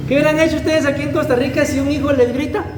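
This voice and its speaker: Guatemalan pastor preaching, chatty, keeps saying brother, soft little laughs, echoey church hall. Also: male voice, extremely high pitch, fairly even intonation, rapid-fire, background noise. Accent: Guatemalan Spanish. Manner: conversational preaching, often adds "hermano", laughs lightly between phrases. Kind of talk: sermon.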